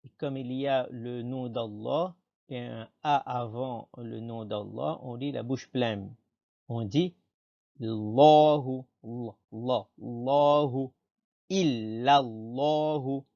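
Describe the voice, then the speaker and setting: A man giving a patient pronunciation lesson, saying each word slowly and then repeating it for the learner. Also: medium pitch, fairly even intonation, gravelly, a little mellow, dull audio. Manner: patient, models words slowly and repeats them. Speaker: teacher.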